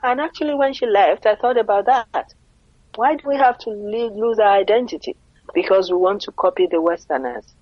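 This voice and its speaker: Speaking at a normal pace with a medium-pitched voice, a middle-aged Nigerian woman with a Nigerian accent earnestly answers as an interview guest, leaning on rhetorical questions in this conversational interview. The audio has no echo and comes across dull.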